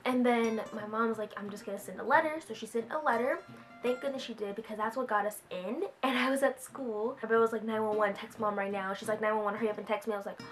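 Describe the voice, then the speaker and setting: A teenage girl vlogs in a high, bright voice and tells her story in a giggly, excitable rush, full of fillers and restarts. Faint music plays under her voice. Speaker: vlogger. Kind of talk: casual storytelling vlog.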